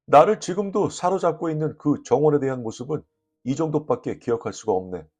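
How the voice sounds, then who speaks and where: A man reading a short story aloud as an audiobook narrator, lively and expressive, voicing the dialogue. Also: fairly high pitch.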